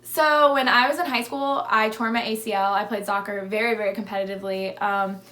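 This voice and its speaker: Here a twenty-something fitness vlogger with a lisp fields viewer questions on camera in a relaxed vlog. Her medium-pitched, slightly bright voice stays steady and moves a little fast, and "like" keeps popping up in her chatty talk.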